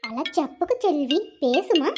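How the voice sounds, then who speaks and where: A woman voicing a gentle elder sister-in-law who urges a younger woman to talk, in a cartoon. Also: high voice, animated, a little slow, music in the background. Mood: urging. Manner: coaxing, motherly.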